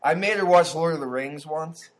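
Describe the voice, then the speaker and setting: A man's voice: fairly high pitch, normal speed. A young man co-hosting a podcast, telling stories in a loose, rambling way full of fillers and restarts. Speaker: podcast co-host. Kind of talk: casual chat.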